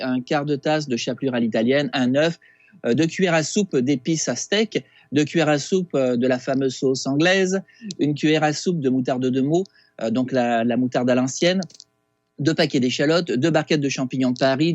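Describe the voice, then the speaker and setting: A man with a Québécois accent, a chef talking through a recipe on a casual radio segment, halting with many fillers and restarts over a phone line. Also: mid-range voice, a little mellow, no room sound. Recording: dull lo-fi phone sound.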